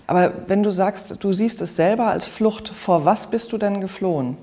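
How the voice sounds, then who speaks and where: A podcast host opens with a scripted introduction, then asks questions in an artist's studio. The voice sits at a middle pitch and stays calm and even, with a filler sound here and there. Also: normal speed.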